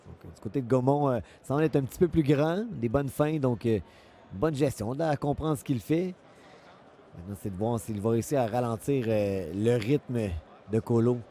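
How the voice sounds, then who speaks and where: A man commentates on a live fight in Quebec French. His voice is middle-pitched and soft-edged, on the dark side. He breaks down the action analytically, repeating phrases as he goes. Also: normal speed, a little hiss or hum.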